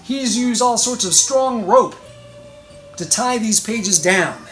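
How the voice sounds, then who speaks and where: A woman playing Batman as a gruff, overconfident superhero reading a storybook to children. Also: animated, slow pace, faint music behind. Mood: gruff boasting. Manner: gruff, low, mock-heroic. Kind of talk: storybook read-aloud for children.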